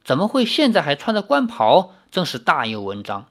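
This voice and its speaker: A reader narrating a novel in a lively, expressive storytelling manner. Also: mid-range voice, moderate pace. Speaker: audiobook reader.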